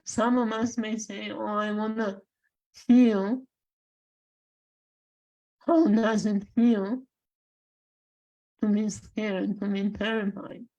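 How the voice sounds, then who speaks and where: A woman from Bulgaria with a Bulgarian accent, a guest speaking in a measured, halting way with long pauses. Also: mid-range voice, level tone, warm tone, dull audio. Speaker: guest, life coach and spiritual guide. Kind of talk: slow reflective interview talk.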